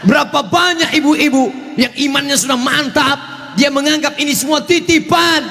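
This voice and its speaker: A man's voice: very high voice, steady tone, moderate pace, vocal fry, pushed and bright. A male Islamic preacher giving a humorous sermon to a large evening gathering, joking, acting out voices and asking the crowd for replies. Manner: jokes and acts out voices, asks the crowd for replies. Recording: reverberant hall, faint ambience.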